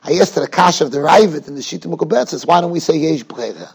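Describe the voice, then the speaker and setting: A high-voiced man teaches Talmud. His delivery is informal and emphatic, built on storytelling and questions put to his listeners. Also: lively intonation, fast talker, creaky, darkish tone, slightly rough. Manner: emphatic, questioning sing-song with rhetorical tags. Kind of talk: animated informal religious lecture with storytelling.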